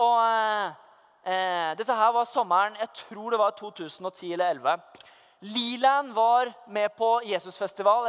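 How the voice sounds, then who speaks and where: Fervent young man preaching in a reverberant hall. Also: high voice. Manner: fervent, shifts from hushed to loud proclamation. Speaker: youth leader giving testimony. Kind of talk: sermon testimony. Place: church hall. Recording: long reverb of a church hall.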